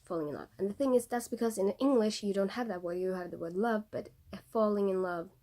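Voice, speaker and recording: A young Norwegian woman vlogs in English, her second language, with a Norwegian accent, chatting casually and reading passages aloud from a book. Her mid-range voice is mellow and fast, and she uses many fillers and restarts.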